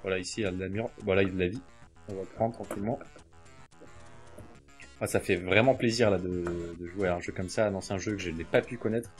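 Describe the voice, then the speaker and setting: Young guy lets-play commentary, kinda low voice, lots of umms and swearing, faint game music under it. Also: steady tone, fast talker. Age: young adult. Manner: hesitant, many fillers, swears casually. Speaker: let's play gamer. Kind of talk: casual gameplay commentary. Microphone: desk mic near mouse and keyboard.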